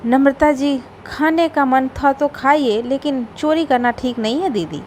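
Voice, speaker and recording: A woman's voice: high voice, a little slow, darkish tone, a little hiss or hum. Woman reading as a sly young wife. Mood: taunting. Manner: pleading, two-faced. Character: sly young wife, newly married, petty thief.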